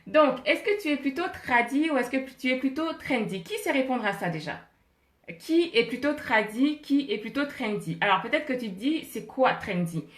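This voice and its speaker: A woman's voice: sits high, animated, moderate pace, reverberant. A woman hosting a casual live stream from her home office, holding her phone in her hand, chatting with viewers, greeting them by name and laughing often. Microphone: phone held in hand.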